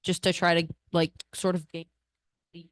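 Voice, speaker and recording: A woman's voice: lowish voice, little pitch movement, moderate pace, no echo. A woman sharing data in a casual, hesitant way at a council meeting. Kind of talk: meeting report.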